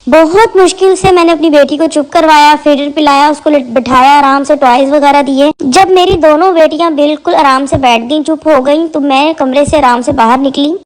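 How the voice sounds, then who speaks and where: A woman's voice: high-pitched, steady tone, normal speed, hardly any pauses, low-quality recording. A woman vlogger telling a dramatic story about her home life in a casual, indignant way.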